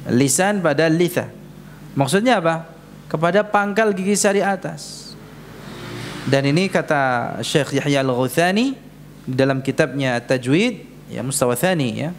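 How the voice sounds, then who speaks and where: Slow patient man teaching recitation. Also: on the high side, a little hiss or hum. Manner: patient, repeats sounds slowly for students to copy. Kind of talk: tajweed lesson in a mosque. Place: prayer hall of a mosque.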